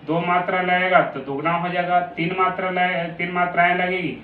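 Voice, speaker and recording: High-voiced male teacher in an echoey room. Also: level tone, slight background noise. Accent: Bihari Hindi. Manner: repeats definitions slowly, drawing out sounds. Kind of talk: classroom lesson. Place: classroom. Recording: echoey room, distant tinny phone-like mic.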